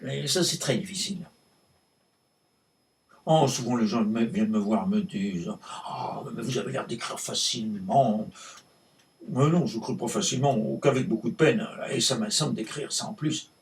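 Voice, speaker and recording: Male stage actor as a cantankerous French novelist, gravelly, theatrical rambling monologue, halting, repetitive, emphatic, recorded at a distance. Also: lowish voice. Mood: weary, insistent. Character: cantankerous, world-weary male French novelist holding forth on style. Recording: distant microphone.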